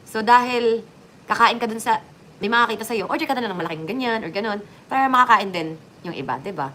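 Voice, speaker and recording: Talking fast to her viewers, this woman vlogger keeps things chatty, tossing in joking asides as her voice rises and falls in pitch and volume. A little hiss or hum sits under the audio.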